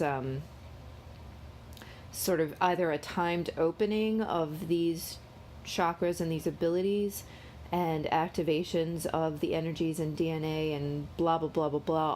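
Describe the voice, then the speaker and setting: A woman host giving a casual spiritual card-reading vlog, sounding low on energy and slightly unwell with a cold, talking haltingly. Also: darkish tone, slight background noise. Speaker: host of a daily tarot reading.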